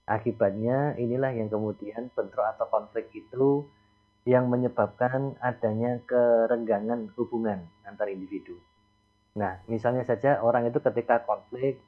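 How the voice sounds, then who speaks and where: A man, a psychologist guest calmly explaining ideas on a call-in radio show, repeating his key points. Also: on the low side, normal speed, slightly rough. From East Java. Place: outdoors near a beach. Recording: tinny phone line.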